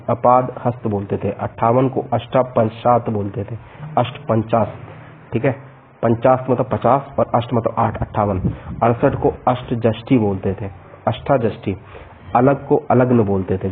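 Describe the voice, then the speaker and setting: A man's voice: medium pitch, a little hiss or hum. A man teaching a Hindi exam vocabulary lesson, reeling off synonyms and word pairs and stopping now and then to explain. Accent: Hindi, North Indian. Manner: rattles off word lists, pauses to explain. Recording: tinny narrow-band lo-fi audio.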